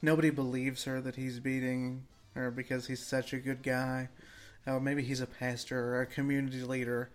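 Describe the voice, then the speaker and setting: Brief: deadpan male co-host, monotone delivery, dry sarcasm. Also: mid-range voice, normal speed. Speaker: podcast co-host. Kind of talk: casual chat.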